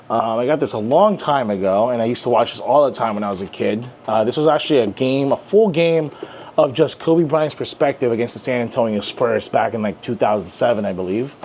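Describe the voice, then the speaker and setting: A man's voice: mid-range voice, brisk, a little mellow, slight background noise. A young man giving a casual desk tour in a chatty, rambling way with lots of fillers. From Filipino heritage. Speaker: comic channel host.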